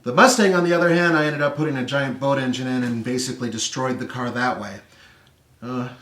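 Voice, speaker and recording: A man's voice: mid-range voice, fairly quick, fairly bright tone. Man, middle-aged, casual car chat, dry asides, far mic. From California. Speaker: car show host. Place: carpeted living room, seated on the floor. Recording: roomy echo, distant mic.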